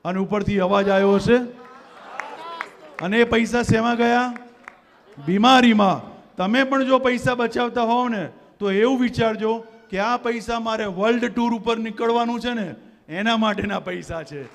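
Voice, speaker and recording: A man's voice: extremely high pitch, moderate pace, creaky, a little hiss or hum. A man giving a motivational stage talk at a community gathering, rousing the crowd and leading them in call-and-response. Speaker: motivational speaker. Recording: long hall reverb.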